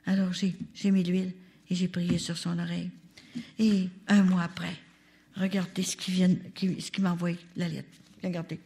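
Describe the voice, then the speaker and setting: An older woman with a Canadian French accent, telling a testimony at a religious retreat in an animated way and turning often to her listeners. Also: on the low side, normal speed. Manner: animated, talks straight to the audience. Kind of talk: testimony storytelling.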